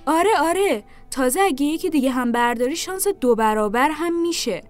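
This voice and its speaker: A woman's voice: high voice, expressive, faint music behind, voice pushed up. Woman doing a nasal, pushy little fortune-selling girl. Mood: eager.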